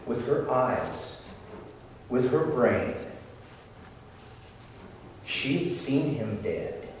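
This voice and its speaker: A man preaching a sermon as a pastor, swinging from loud, excited passages to very quiet, intimate ones. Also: mid-range voice, extremely slow, slight background noise. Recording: echoey hall from far off.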